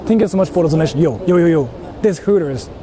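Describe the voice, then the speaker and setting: Out on a traffic-filled urban street, this Japanese man from Ichihara livestreams in informal slang, repeating himself often. His voice is fairly high, expressive and quick.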